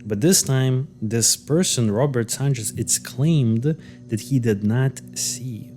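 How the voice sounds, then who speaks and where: A podcast co-host recounts a case in loose, hesitant chat riddled with fillers and restarts, telling the story casually. His mid-range voice is slow and dark in tone, with soft music playing behind him.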